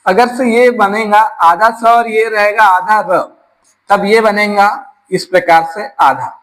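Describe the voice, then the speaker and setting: A man's voice: high voice, slow, a bit bright, poor audio. A man from teaching an exam-prep grammar lesson, explaining step by step and asking his class rhetorical questions.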